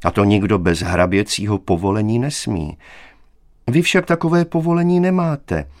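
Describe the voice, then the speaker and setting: A man's voice: fairly low pitch, expressive, lightly acted. A man voicing an arrogant, scornful young man who speaks for the castle, in a reading of a story. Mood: officious. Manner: haughty, scornful, raises voice. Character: arrogant young male castellan's son.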